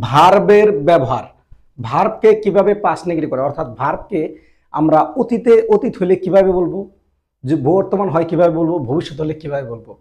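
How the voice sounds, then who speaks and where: A man's voice: high-pitched, a little mellow. A man teaching a language grammar lesson, patiently repeating each point and pointing viewers to their textbook. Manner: addresses viewers directly, pointing them to the book.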